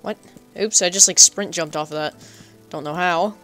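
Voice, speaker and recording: A man's voice: high voice, steady tone, normal speed, bright, forceful tone, faint music behind. A man giving casual, chatty let's play commentary, talking to himself playfully and making up goofy nicknames for animals. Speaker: gaming channel host.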